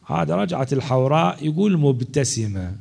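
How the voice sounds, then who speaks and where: A man's voice: fairly high pitch, animated, brisk, creaky. Impassioned man narrating a mourning sermon. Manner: impassioned storytelling, swinging between loud cries and hushed asides. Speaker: religious orator.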